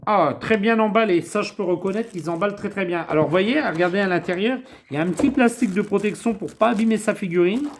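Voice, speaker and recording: A man's voice: sits high, fast talker, hardly any pauses, a little hiss or hum. A man chatting casually as he unboxes a collectible figure, rambling with many fillers. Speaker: toy collector vlogger.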